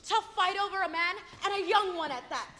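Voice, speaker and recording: A young woman singer playing a polite, shy young man in a comic opera scene, speaking softly and slowly with music behind. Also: very high-pitched, a little hiss or hum. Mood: scandalized. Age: young adult. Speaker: opera student. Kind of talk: comic opera dialogue and singing. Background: orchestral music.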